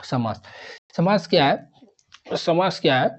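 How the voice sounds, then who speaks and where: A man's voice: a little high, expressive, a little slow. A man teaching an exam revision grammar lesson, rattling off examples one after another and repeating terms.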